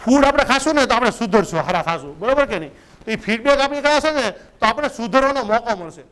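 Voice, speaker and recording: Man, very high voice, smooth and clear, business coaching talk. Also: animated, quick pace, fairly bright tone, poor audio. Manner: conversational, keeps asking "right?" to check in. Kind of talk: motivational business lecture.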